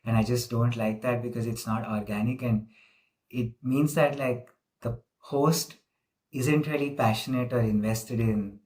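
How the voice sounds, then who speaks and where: A man's voice: mid-range voice, steady tone, a little slow, darkish tone. A man interviewing a guest in casual chat, talking loosely with many "like" fillers. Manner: chatty, filler-heavy with "like".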